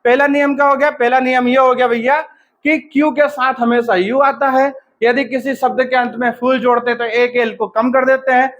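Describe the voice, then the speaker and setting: A man's voice: very high-pitched, a bit bright, highs cut off. A man teaching an exam-prep lesson while he has a cold. He drills by asking and answering his own questions and spells words out letter by letter.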